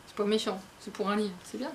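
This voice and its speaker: A woman's voice: medium pitch, fairly quick, a little hiss or hum. A tired woman, chatting casually at home as a book vlogger, rambling and poking fun at her own slips. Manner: rambling, self-mocking, stumbles over words. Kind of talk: casual book haul vlog. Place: at home, indoors.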